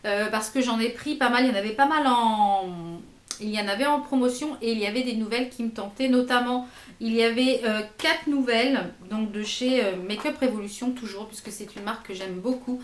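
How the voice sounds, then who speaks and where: A beauty vlogger reviews makeup in a chatty, enthusiastic way, often hesitating, using many fillers, and repeating herself. Her voice is a little high and a little fast, and the sound is reverberant.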